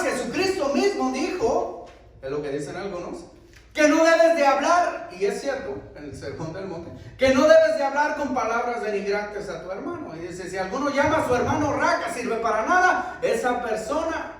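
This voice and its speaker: A man preaches in a very high voice, his pitch rising and falling with emphasis. He asks rhetorical questions in a sermon style. He is heard from far off, with heavy echo filling the church hall. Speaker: pastor. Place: church sanctuary.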